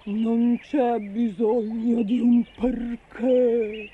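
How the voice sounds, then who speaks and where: A woman's voice: fairly high pitch, steady tone, extremely slow, slight background noise. A woman voicing a gloomy male creature in a storybook, sighing and mournful. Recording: tinny phone-like recording.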